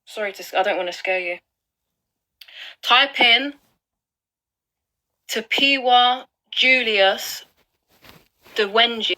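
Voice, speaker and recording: A woman's voice: fairly high pitch, takes it slowly, long pauses, sharp tone. A woman giving an upset, urgent commentary to her viewers, swearing and pressing her points. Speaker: video blogger. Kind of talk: live commentary on online records.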